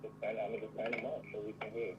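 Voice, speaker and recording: A man's voice: on the low side, little pitch movement, rapid-fire, a little hiss or hum. A man joining a live stream as a guest, his voice muffled and faint as if heard through a wall. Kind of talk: casual chat. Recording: muffled distant live-call audio.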